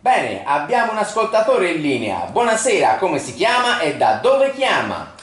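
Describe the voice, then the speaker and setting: A man playing a brisk, excitable professor hosting a radio quiz sketch in showy style. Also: sits high, heavy reverb, heavily acted. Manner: showy, emphatic quizmaster delivery.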